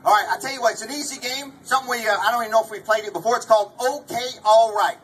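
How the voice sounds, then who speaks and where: A man's voice: very high voice, rapid-fire, a bit bright, far from the mic. A man, folksy and colloquial, playing straight man in a live ventriloquist comedy act. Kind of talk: live comedy stage patter. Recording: noisy live stage recording.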